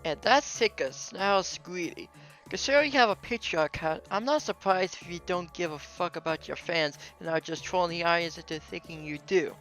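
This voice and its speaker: A man's voice: high-pitched, brisk, fairly bright tone, faint music behind. A man reading a scripted rebuttal as a commentator responding to a video.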